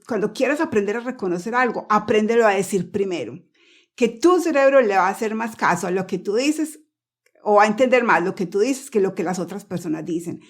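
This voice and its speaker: A woman who speaks Spanish as her first language, giving a casual pronunciation lesson. She repeats herself, checks in with the listener often and slows right down to model example phrases. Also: medium pitch. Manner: chatty, repeats words, asks "¿ok?" often. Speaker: English pronunciation teacher.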